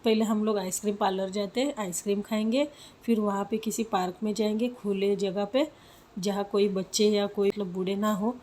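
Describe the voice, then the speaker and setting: A woman voicing a teasing, cautious teenage girl who talks in a quick, animated way. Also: mid-range voice, slight background noise, natural voice.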